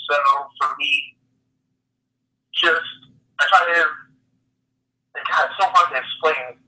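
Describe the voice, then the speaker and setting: Thirties man from Baltimore, comedian guest, very sharp tense tone, picked up from far off the mic. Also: sits high. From Baltimore, USA. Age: 30s. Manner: easygoing, earnest, halting. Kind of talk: casual interview chat.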